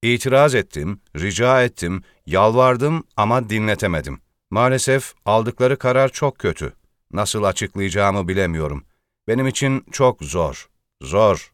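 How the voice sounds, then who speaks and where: A man's voice: on the low side, expressive, unhurried, a bit bright, dry recording, clean studio sound. A man reading as a crushed party leader. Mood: despairing. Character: dejected male party leader, weary.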